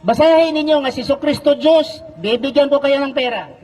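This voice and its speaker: A man's voice: extremely high pitch, fairly quick, darkish tone, poor audio. A Filipino man in a heated public debate, speaking into a handheld microphone, argumentative and telling the other side to relax and wait. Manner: argumentative, keeps repeating calls to relax and wait. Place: outdoor public gathering.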